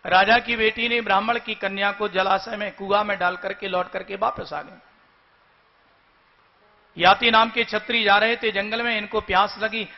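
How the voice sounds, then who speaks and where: High-voiced male religious storyteller. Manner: storytelling, calling out to the audience. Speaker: scripture storyteller. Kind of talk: devotional scripture discourse. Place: live gathering. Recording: dull lo-fi recording, faint music.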